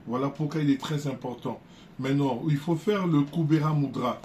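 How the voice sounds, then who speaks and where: A man teaching viewers in a casual, unhurried way, often repeating words and restarting his sentences. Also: fairly high pitch, darkish tone, slight background noise. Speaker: spiritual teacher.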